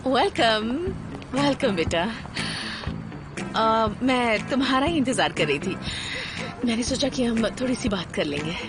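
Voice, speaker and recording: A woman's voice: a little high, expressive, measured pace, long pauses. A woman dubbing a worried, caring middle-aged mother in a TV drama, fussing over her son. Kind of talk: Hindi dub of a TV drama. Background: background music.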